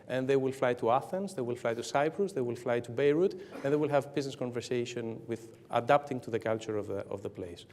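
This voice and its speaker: Man speaking haltingly at a business panel. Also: mid-range voice, a little mellow, slight background noise. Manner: halting, repeats words, builds to rallying lists. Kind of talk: conference panel talk. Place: hotel conference room.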